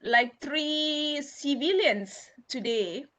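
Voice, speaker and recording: Malaysian woman on a video call, high voice, lots of ums, chatty host. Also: very slow, fairly bright tone. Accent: Malaysian English. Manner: chatty, many fillers. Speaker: academic host of online session. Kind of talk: informal online discussion.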